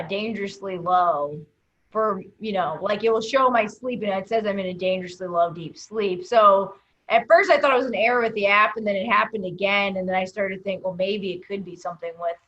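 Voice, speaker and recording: A woman chats on a video call, rambling along with plenty of fillers and now and then letting her voice drop away. The audio sounds a little muffled and lo-fi. Her pitch sits in an ordinary middle range. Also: fairly bright tone. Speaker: comedian and guest. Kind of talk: casual video call discussion.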